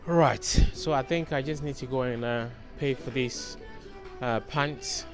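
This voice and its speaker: A man's voice: mid-range voice, unhurried, over loud music. A man in his forties chatting casually to viewers as he films a shopping vlog with a handheld camera. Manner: chatty, fillers, talks to viewers. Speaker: vlogger. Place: clothing store and busy street. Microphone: handheld camera at arm's length.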